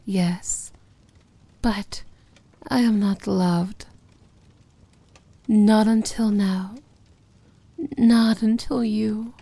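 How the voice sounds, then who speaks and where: A woman playing a feared, possessive and tender villain princess in an intimate ASMR fantasy romance roleplay, speaking deliberately in a breathy voice that often sinks into a whisper. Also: mid-range voice, dark tone, dry recording, heavily acted. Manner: slow, deliberate, commanding yet tender.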